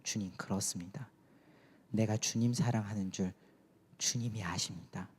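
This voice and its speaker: A man voicing a remorseful disciple who answers quietly and with deep sincerity. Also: steady tone, normal speed, slightly rough. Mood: earnest. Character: remorseful male disciple, earnest and heartfelt. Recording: long church hall reverb.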